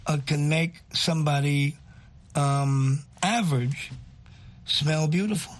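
A man's voice: fairly high pitch, slow. A man speaking as a guest on an English lesson, casually explaining and chiming in with short additions. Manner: interjects short agreements and additions.

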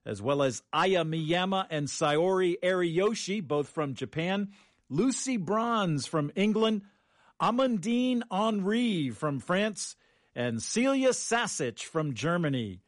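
A man works as a radio news reader, delivering script in a measured, formal way. His voice sits a little high and is recorded close and dry. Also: very animated, dry recording.

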